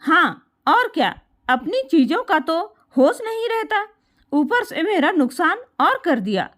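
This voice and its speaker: A sharp, resentful young wife who nags and scolds in a very high voice, as a woman storyteller puts her on. Her pitch leaps about as she complains. It is a spoken story told by one reader. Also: sing-song, unhurried, heavily acted. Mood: angry scolding.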